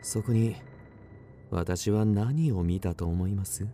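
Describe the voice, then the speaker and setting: A man's voice: lowish voice, slow pace, dark tone, faint music behind. An actor playing an agitated, obsessed man recounting an eerie mystery in dramatic radio drama narration, with theatrical swings. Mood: haunted, suspenseful. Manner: suspenseful, theatrical, with sudden swings.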